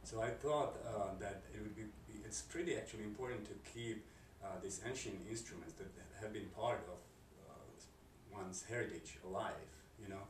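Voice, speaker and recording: A man from Slovakia with a Slovak accent, a composer answering interview questions in a halting way, with many fillers and restarts. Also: lowish voice. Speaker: composer and curator. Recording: roomy, distant mic, noisy background.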